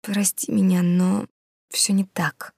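A woman voicing a guilty young woman who speaks softly and haltingly, close to tears, apologizing as she leaves. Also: on the low side, steady tone, dry recording. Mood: apologetic, strained. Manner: soft, halting, apologetic, near whisper. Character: young woman, guilty, tearful, leaving her lover.

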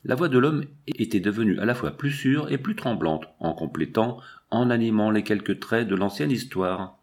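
Grave, measured French novel reader. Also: male voice, on the low side, expressive, a little mellow. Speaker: audiobook reader. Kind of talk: literary audiobook narration.

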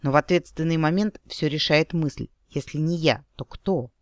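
A man's voice: on the high side, normal speed, no room sound, natural voice. A man reading as a wry elf ex-scout. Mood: earnest.

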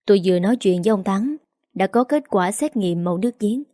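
A woman's voice: mid-range voice, lively intonation, fast, mellow, dry recording, clean studio sound, natural voice. A woman voicing an older husband and father, hissing with anger in a storybook reading. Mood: explaining.

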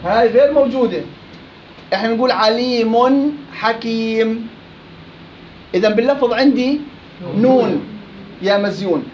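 A man with a Levantine accent teaches recitation in a classroom, firing questions at his students in a very high, quick voice. He teases them as he drills the rules. The recording is dull and lo-fi, with a faint hiss behind him. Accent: Levantine Arabic. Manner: questioning students, teasing and lively. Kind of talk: live classroom lesson.

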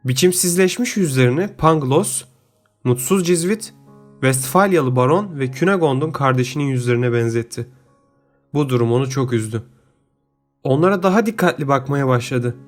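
Steady male audiobook narrator. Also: mid-range voice, normal speed, soft background music. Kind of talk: scripted narration.

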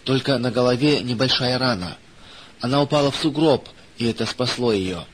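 Steady mountain rescuer in a storybook, read plainly by a man, quiet and reassuring. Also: mid-range voice, moderate pace, a little hiss or hum, lightly acted, poor audio. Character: calm adult male mountain rescuer.

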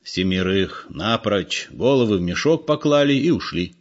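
A man's voice: on the low side, expressive, normal speed, highs cut off, close to an everyday voice. A man reading aloud voicing a mild-mannered but sardonic ex-convict. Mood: wry.

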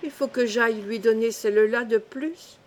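A woman's voice: a little high, fairly even intonation, normal speed, a little mellow, natural voice. A woman voicing an anxious, guilt-ridden fisherman's wife who speaks in trembling, fretful tones.

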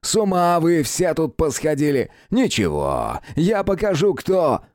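A man's voice: fairly high pitch, very animated, a little slow, darkish tone, dry recording, clean studio sound, voice pushed up. A man voicing an arrogant, violent young prince, haughty and outraged.

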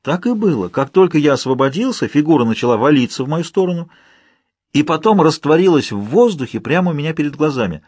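A man narrating an audiobook in the first person, with steady, measured storytelling. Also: on the high side, no echo.

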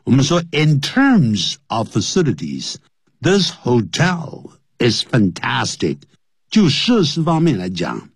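A man's voice: mid-range voice, slightly rough, dry recording, studio quality. A man teaching English on the radio, explaining phrases in Chinese and spelling words out letter by letter.

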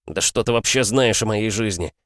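A man's voice: lowish voice, normal speed, no echo, clean studio sound, voice pushed up, natural voice. A man voicing a defiant young man held captive, heated and indignant, in an audiobook. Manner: heated, indignant, sharp outbursts. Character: young man trapped in a strange world, angry and defiant. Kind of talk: audiobook character voice.

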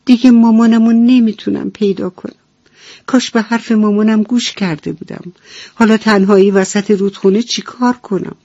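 A woman's voice: darkish tone, dry recording, natural voice. A woman voicing a scared, lost little duckling, tired and tearful, in a children's bedtime storybook reading. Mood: frightened. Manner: high, pleading and tearful. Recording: dull lo-fi radio recording.

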